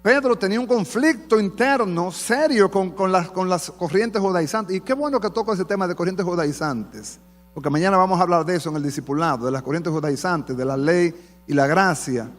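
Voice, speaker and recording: Man, pastor, fervent sermon, high-pitched voice, long church reverb. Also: brisk. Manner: fervent preaching, calls the congregation "amado". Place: church sanctuary.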